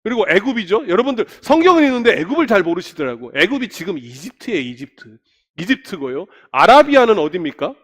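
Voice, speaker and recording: A man's voice: high-pitched, sing-song, fast talker, a bit bright, slightly rough. A middle-aged male pastor preaching a sermon in a church, talking conversationally and often asking the congregation questions. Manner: asks the congregation frequent questions. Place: church sanctuary. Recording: long reverb of a church sanctuary.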